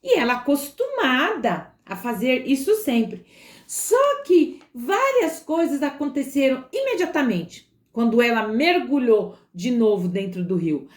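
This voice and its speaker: A woman telling a dramatic story to children, animated, with sound effects and fillers. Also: high voice, measured pace. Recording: roomy echo.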